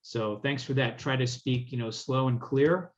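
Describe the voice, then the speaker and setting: A man, a legal counsel, giving a relaxed, friendly townhall presentation and answering questions on a video call. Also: medium pitch, normal speed, dull audio.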